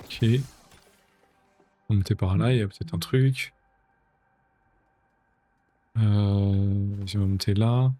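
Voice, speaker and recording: A man's voice: on the low side, steady tone, slow, pauses often, dark tone, no room sound, faint music behind. A man streaming a video game, chatting casually and thinking aloud to himself as he plays. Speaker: gaming streamer. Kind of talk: casual let's-play commentary.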